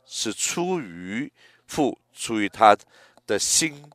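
Gentle man in his eighties, slow sermon delivery, low-pitched and dry. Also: big pitch swings, no room sound. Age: 80s. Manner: slow, gentle, reflective, with hesitant restarts. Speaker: preacher.

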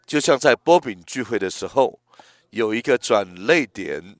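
A man in his eighties preaching a sermon in a gentle, reflective way, often pausing and restarting his phrases. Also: mid-range voice, expressive, no room sound, clean studio sound. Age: 80s.

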